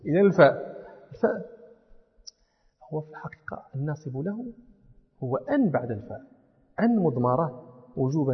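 A man's voice: fairly high pitch, slightly rough. A man teaching a class on religious law and grammar, explaining step by step and quizzing his students. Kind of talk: classroom lecture. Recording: lo-fi recording in a reverberant hall.

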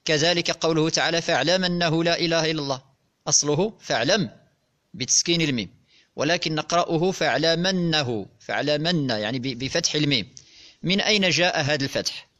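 A man's voice: on the high side, fast talker, fairly bright tone, highs cut off. A man teaching classical grammar, methodically explaining and repeating examples to his students. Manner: methodical, repeats and spells out examples, addresses listeners directly.

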